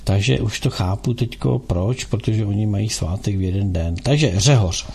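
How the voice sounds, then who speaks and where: A man hosting a casual call-in radio show, talking in a rambling, halting way with frequent filler sounds. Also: on the low side, vocal fry, darkish tone, breathy edge.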